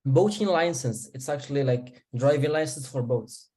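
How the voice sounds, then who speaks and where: A man from Morocco asking a hesitant question on a video call, with many pauses and fillers. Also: mid-range voice, dark tone. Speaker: caller.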